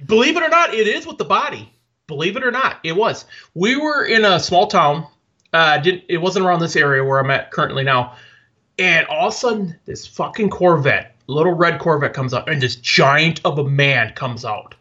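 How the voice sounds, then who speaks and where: A man co-hosting a podcast, telling a story in an excitable, animated way and swearing casually. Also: on the high side, normal speed, muffled recording. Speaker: podcast co-host.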